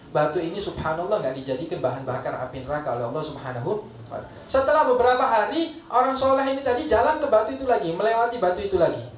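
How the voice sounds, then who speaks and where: A man preaching a sermon, emphatic and repetitive, often checking that the listeners understand. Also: high-pitched. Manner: emphatic, repeats key phrases, asks the crowd "paham ya?". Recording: roomy echo, distant mic, faint ambience.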